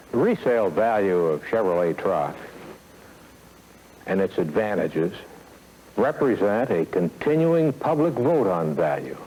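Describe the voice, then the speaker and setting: A lowish, darkish-toned American man, cast as a company executive, delivers a scripted sales training lecture with formal, measured delivery, emphatic phrasing and deliberate pauses. The 1970s film soundtrack has poor audio and slight background noise.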